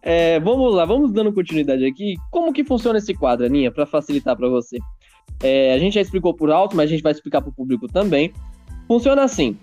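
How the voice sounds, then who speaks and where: A man's voice: on the high side, big pitch swings, fast talker, warm tone, soft background music. A man hosting a casual podcast, playfully explaining a segment to a guest. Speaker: podcast host.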